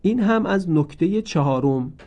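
A man gives a recorded lesson on the rules of Quran recitation, working through each point methodically. His voice sits a little high but stays mellow and soft-edged. He explains every rule and then repeats the examples so listeners can practise. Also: animated, highs cut off.

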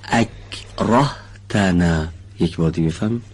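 A man with a very low, somewhat breathy voice teaches pronunciation in a studio. He spells out each sound slowly and deliberately and praises students politely. His delivery is patient and instructional. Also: animated, darkish tone. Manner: slow, deliberate, models sounds carefully; polite, encouraging toward students. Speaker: Quran recitation teacher. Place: recording studio.

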